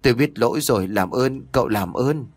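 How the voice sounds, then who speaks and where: A man voicing a remorseful old village father who pleads, shouts and frets in a storybook reading. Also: medium pitch, fairly quick, no echo, lightly acted. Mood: pleading. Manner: pleading then shouting, emotional.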